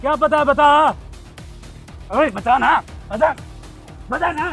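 A man's voice: extremely high pitch, expressive, takes it slowly, gravelly, a bit bright, faint music behind, full character voice. A young man acting in a staged vlog skit, playing a bystander who confronts a bully with curt, repeated orders. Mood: interrogating. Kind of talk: staged street drama.

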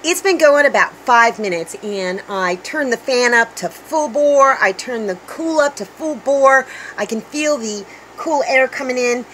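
Middle-aged woman, homestead vlogger, chatty upbeat talk, fairly high voice, light background hiss, phone mic. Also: expressive, a little slow, a bit bright, rough recording. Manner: chatty, upbeat, thinking aloud. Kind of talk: casual vlog narration. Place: small tiny house, indoors, and garden outdoors. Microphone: handheld phone camera.

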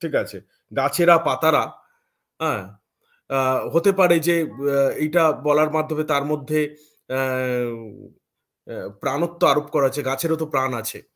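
A man's voice: mid-range voice, measured pace, long pauses, a bit bright. A Bengali man lecturing as a teacher, explaining step by step and checking in with his listeners often. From West Bengal. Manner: explains step by step, frequent "thik ache" check-ins. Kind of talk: academic lecture.

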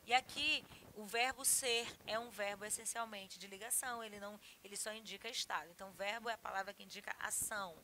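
A woman teaching a Portuguese grammar lesson with a Brazilian accent, explaining in an expressive, emphatic way and often checking in with her students. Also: mid-range voice, a little fast, hardly any pauses, a little hiss or hum. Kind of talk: recorded classroom lesson.

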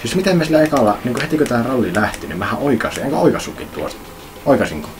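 A man's voice: medium pitch, lively intonation, noisy background. A man commenting on his racing game with rambling jokes and mild swearing. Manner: rambling, jokey, swearing, mock-pleading. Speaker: let's play gamer. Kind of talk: let's play commentary.

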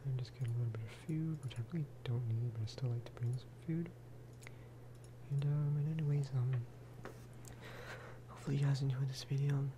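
Quiet, whispery murmurs carry this gaming creator's ASMR commentary, delivered at a relaxed, low-key pace as he reflects aloud. His intonation stays fairly even, with clear background noise behind him.

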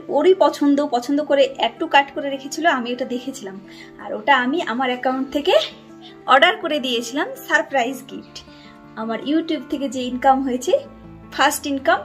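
Chatty high-voiced woman vlogging at home. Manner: chatty, lively, addresses viewers directly. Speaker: vlogger and mother. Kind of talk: casual home vlog chat to viewers. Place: family home indoors.

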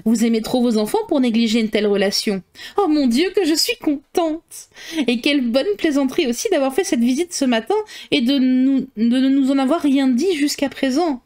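A woman reading a classic novel puts on an excitable middle-aged mother of five daughters, her voice climbing high and thin as she frets. She fusses and complains, and her nerves are always close to the surface. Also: moderate pace. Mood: delighted. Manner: shrill, fussy and complaining.

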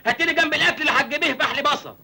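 Cheeky, hungry Egyptian village lad; high, fast, bright delivery. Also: male voice, gravelly, heavily acted. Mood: pleading. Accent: Egyptian Arabic. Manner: wheedling and joking, giggles. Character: naive village youth, orphaned, cheeky, always hungry. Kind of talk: 1980s film comedy acting.

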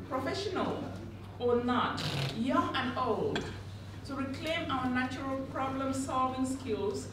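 A woman's voice: high voice, noisy background. Woman introducing a speaker in an echoey hall. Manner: reads a prepared biography with fillers. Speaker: event host introducing a speaker. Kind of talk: formal introduction at a summit. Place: large conference room with audience. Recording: echoey hall, captured from far.

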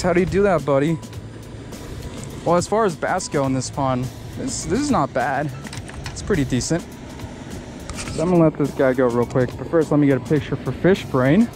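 A young man talks his way through a fishing trip, chatty and excitable, with rambling, filler-heavy explanations. His voice sits fairly high for a man, picked up outdoors by a head-mounted camera at a pond's edge. Music plays clearly beneath him. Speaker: fishing vlogger. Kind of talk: casual outdoor fishing vlog. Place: outdoors on rocks at a park pond. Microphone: head-mounted action camera.

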